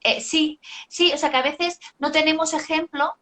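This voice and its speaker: A woman's voice: high-pitched, steady tone, normal speed, pushed and bright. A middle-aged woman, a parenting author explaining ideas in a live video chat, with everyday examples. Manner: didactic, uses examples and acted quotes. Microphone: video call.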